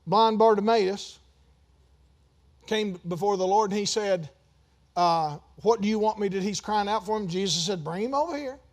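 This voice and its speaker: A man with a high, light voice preaches a sermon. He talks it through like a conversation, then climbs into loud, emphatic runs and drops back to asides. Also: moderate pace. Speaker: pastor.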